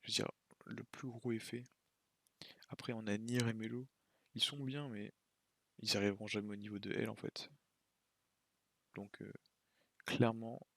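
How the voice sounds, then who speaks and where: A man's voice: on the low side, creaky, fairly bright tone, dry recording. A man giving casual, slangy, rambling commentary while ranking shows on a tier list, tired late at night. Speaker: YouTuber ranking anime.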